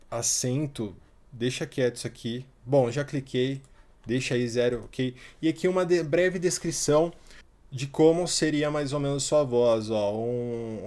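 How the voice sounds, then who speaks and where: Chatty man walking through software. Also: medium pitch. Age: 30s. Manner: chatty, talks while clicking through a website, many fillers like "tá" and "ó". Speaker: tutorial host. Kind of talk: casual screen-recorded software tutorial.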